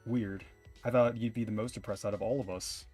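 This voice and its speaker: A man's voice: on the low side, fairly even intonation, brisk, a little mellow. A young man streaming a game, reading its dialogue aloud and adding wry, casual asides with the odd swear word. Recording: faint game music behind.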